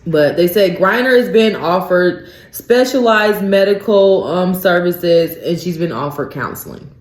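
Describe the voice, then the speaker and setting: A woman hosts her own radio talk show alone, speaking at an unhurried pace. She rants with growing disbelief and keeps addressing listeners as "you guys." Her voice carries a roomy, echoey studio sound. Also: lowish voice, animated. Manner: incredulous ranting, peppered with "you guys" and "um". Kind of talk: solo radio talk commentary.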